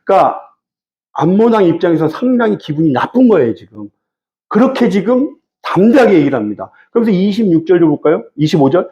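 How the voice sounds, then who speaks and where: A man's voice: sits high, very animated, brisk, dark tone, muffled recording. A male pastor preaching a Wednesday evening sermon, teaching verse by verse and speaking directly to the congregation. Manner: conversational, addresses the congregation directly.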